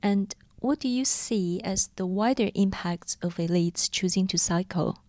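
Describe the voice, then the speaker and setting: A woman hosting an interview, asking calm questions and offering brief acknowledgments. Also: mid-range voice, measured pace, dry recording, studio quality. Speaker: interviewer, podcast host.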